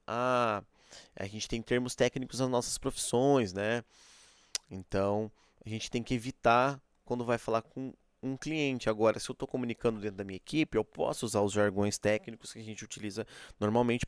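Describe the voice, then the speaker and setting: A man's voice: fairly low pitch, clear, resonant tone, no room sound, clean studio sound. A male teacher giving a classroom lecture, explaining step by step, checking in with frequent rhetorical questions and acting out examples. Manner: demonstrative, acts out examples.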